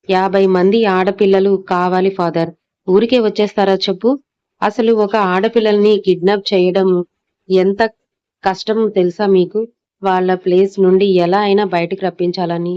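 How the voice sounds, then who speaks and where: A woman's voice: mid-range voice, close to an everyday voice. A woman storyteller voicing a cruel young male kidnapper who taunts his victim with false sweetness, on a dull lo-fi recording.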